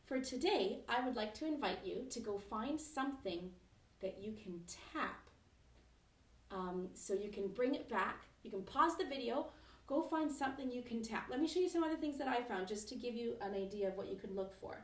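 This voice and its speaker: A woman music teacher leading a children's lesson at home, speaking gently and encouragingly and singing slow, simple verses. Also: fairly high pitch, animated. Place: home, kitchen nearby. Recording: roomy echo from a distance.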